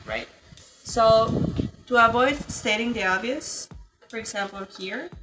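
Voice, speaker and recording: Speaking through a computer mic in a virtual class, a woman with a medium-pitched, bright voice and a forceful tone teaches English grammar online. The audio is poor, but she explains patiently and keeps checking in with her students.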